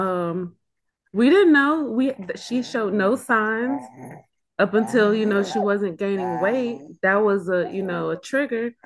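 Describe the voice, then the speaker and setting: A woman giving a heartfelt testimony at church, speaking hesitantly with many pauses and fillers. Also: fairly high pitch.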